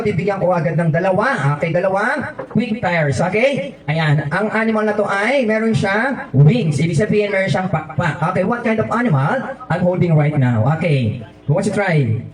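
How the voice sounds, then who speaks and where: This clown party host, with a voice that sits high and sounds expressive at a moderate pace, leads kids through guessing games at a birthday party. He's playful and teasing, switching between English and Filipino, and the echoey recording from a distant mic carries slight background noise.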